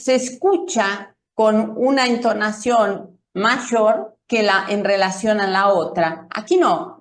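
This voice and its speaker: Slow, careful woman teaching a language. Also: on the high side, reverberant. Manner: slow, careful explanation with spoken demonstrations. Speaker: Spanish teacher. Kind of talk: explanatory language lesson.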